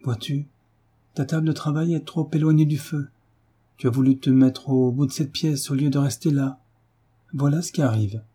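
A man reading a novel aloud, voicing a gentle mother who pleads tenderly but stays firm with her son. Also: medium pitch, moderate pace, husky, close to an everyday voice.

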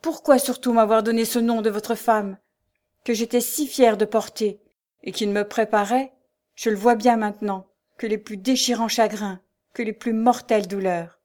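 A woman's voice: fairly high pitch, fairly even intonation, normal speed, a little mellow, lightly acted. A woman reading aloud, voicing a distraught young wife who speaks with trembling, bitter reproach. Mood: anguished.

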